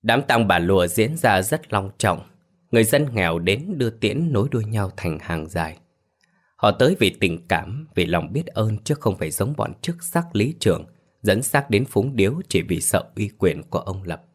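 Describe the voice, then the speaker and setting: A man narrating a scripted ghost story in a steady, even reading voice. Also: fairly low pitch, moderate pace.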